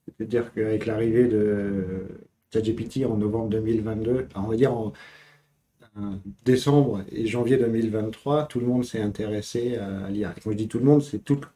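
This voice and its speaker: A male engineer on a tech podcast panel, laying out his view in a measured, step-by-step manner. His voice sits fairly low and sounds very dark and mellow. Conversational and unhurried. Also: steady tone, a little hiss or hum. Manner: measured, expository, builds a point step by step. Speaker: solutions engineer, podcast guest. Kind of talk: casual tech panel chat.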